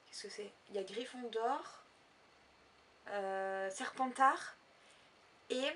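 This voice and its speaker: A woman's voice: a little high, takes it slowly, pushed and bright, distant mic. A woman chatting casually in a shopping haul vlog, rambling with lots of fillers. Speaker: vlogger.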